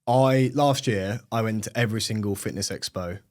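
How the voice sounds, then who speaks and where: A young Englishman with a British accent talks easily as a podcast guest. His voice sits a little low, and his speech is loose and full of fillers like "like" and "um". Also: moderate pace. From England. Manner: chatty, many fillers like "like" and "um". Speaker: guest, agency owner. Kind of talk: casual podcast interview.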